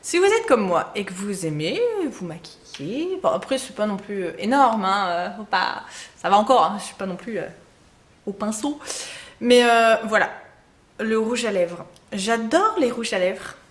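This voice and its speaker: A woman's voice: mid-range voice, lively intonation, normal speed, reverberant. A woman giving casual beauty tips to her camera, chatty, with many fillers and frequent laughs. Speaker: beauty vlogger.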